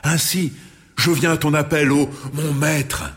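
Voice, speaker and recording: A man's voice: fairly high pitch, steady tone, a little slow, a bit bright. An actor playing an ancient male genie of the lamp who speaks grandly and ceremoniously. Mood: solemn. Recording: long reverb.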